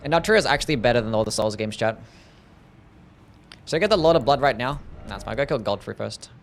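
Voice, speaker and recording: A young Australian man streams a game, reading chat aloud and replying sarcastically while swearing a lot. His medium-pitched voice is expressive and fast, with slight background noise in this casual gaming stream.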